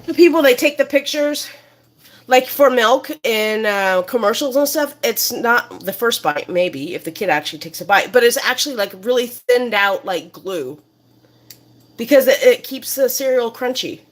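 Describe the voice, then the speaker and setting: A slightly high-voiced woman walks through a recipe in her home kitchen. She talks in a chatty, rambling way with plenty of fillers as she hosts her own cooking show. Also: lively intonation, moderate pace. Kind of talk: casual cooking demonstration.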